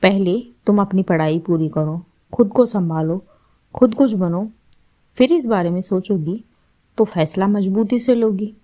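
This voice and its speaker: Calm kind aunt, soft reassuring advice, storybook voice, a woman reading her. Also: mid-range voice, measured pace, natural voice. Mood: gentle. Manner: gentle, reassuring. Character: calm caring elder sister and aunt.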